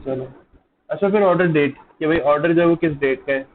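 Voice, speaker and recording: A man's voice: a little high, fairly quick, phone-quality sound. Man, coding teacher, live online lecture, talks while typing, thin call-line audio, faint hiss. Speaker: programming teacher. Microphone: close mic, dull over an online call.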